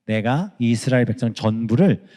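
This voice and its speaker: A man's voice: medium pitch, lively intonation, normal speed, mellow, in a large hall, natural voice. A man voicing God as a stern, blunt male figure who scolds plainly, in a sermon retelling.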